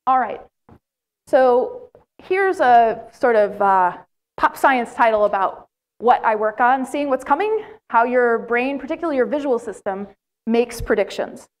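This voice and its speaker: Her voice is a little high and a little slow: a middle-aged woman from the US giving a plenary lecture to a large hall. She tells animated stories and poses questions to the listeners.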